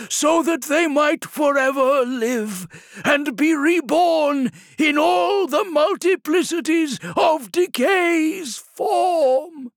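Warbling plague sorcerer, shrill. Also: male voice, no room sound, studio quality, exaggerated voice. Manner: intoning, ecstatic, shouted prayer. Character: fanatical male plague-cult sorcerer, warbling.

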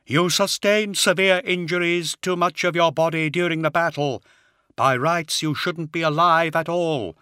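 A skull-faced warrior monk with a hollow, high-pitched voice, as a male narrator puts him on. He speaks slowly and gravely, every word weighed. The tone is forceful and tense, and the recording is dry and close. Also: fairly even intonation, no room sound. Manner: slow, grave and measured.

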